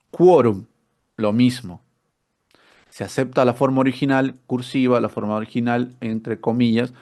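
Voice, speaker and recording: A man's voice: mid-range voice, darkish tone. Man teaching a spelling class. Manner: explanatory, asks rhetorical questions, repeats words. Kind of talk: online spelling workshop lesson.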